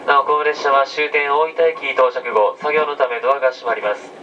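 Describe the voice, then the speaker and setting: Guy doing train conductor announcements, formal and polite, far from mic, lots of carriage rumble. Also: steady tone, lo-fi sound. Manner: measured, formulaic and polite. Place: inside a moving train carriage. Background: train running noise.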